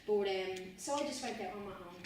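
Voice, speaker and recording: A woman's voice: medium pitch, fairly quick. A young adult woman giving a casual talk as guest speaker, speaking conversationally with many fillers. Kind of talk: casual talk to a student group. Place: university room. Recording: echoey room, distant mic, background noise.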